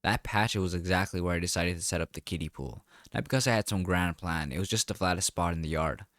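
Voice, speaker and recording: Deep-voiced man telling a wry story. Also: no room sound, studio quality. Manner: calm, wry and deliberate. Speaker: narrator. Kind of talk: first-person story narration.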